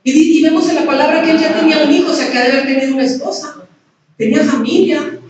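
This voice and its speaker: Mexican lady pastor preaching, high voice, super echoey hall, bit of hiss. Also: rapid-fire, muffled recording. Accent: Mexican Spanish. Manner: conversational, asks the audience questions. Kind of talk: sermon. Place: women's conference hall. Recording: very echoey hall, distant mic, faint noise.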